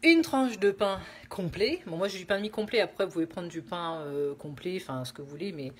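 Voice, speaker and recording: A woman's voice: on the low side, animated, a little fast. A woman hosting a casual live cooking stream from her home kitchen, chatting with viewers through her phone and rambling with many fillers.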